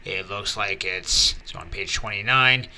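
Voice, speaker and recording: Male manga commentator with a bright, forceful tone; slow, chatty page-by-page read-through. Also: fairly low pitch, vocal fry. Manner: chatty, with many fillers and excited asides. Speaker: manga reviewer and channel host.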